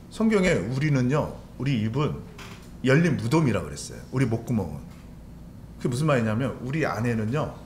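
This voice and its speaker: A man pastor giving a sermon in a church, talking conversationally and putting questions to the congregation. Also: mid-range voice. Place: church sanctuary. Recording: echoey church with faint room noise.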